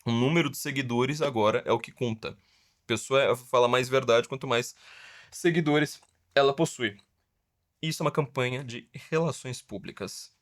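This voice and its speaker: A middle-aged Brazilian man with a Brazilian Portuguese accent, hosting a casual podcast with a sarcastic, mocking way of stretching words for emphasis. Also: mid-range voice. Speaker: podcast host.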